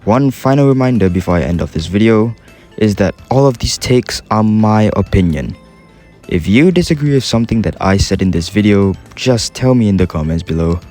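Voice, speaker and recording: With a dark, low-leaning voice that's expressive and normally paced, a young Singaporean-accented man gives excited, offhand commentary ranking game music. He swears and uses slang freely, and faint music sits under his voice.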